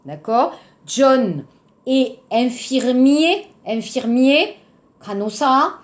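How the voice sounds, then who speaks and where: A woman teaching a French lesson to Korean learners, explaining slowly and adding Korean translations. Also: fairly high pitch, darkish tone. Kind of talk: classroom lesson.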